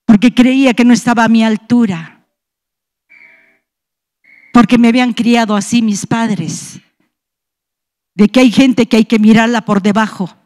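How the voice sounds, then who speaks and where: A woman's voice: on the high side, steady tone, a little slow, pauses often, a little mellow. A woman with a Peruvian Spanish accent, a pastor's wife, giving an impassioned testimony in church. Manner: impassioned, storytelling with rising emotion.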